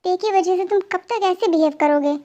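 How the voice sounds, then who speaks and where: A woman's voice: very high voice, fairly quick, warm tone, muffled recording. A woman voicing a strict male boxing coach who lectures firmly in an amateur fan dub. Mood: stern. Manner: firm, lecturing.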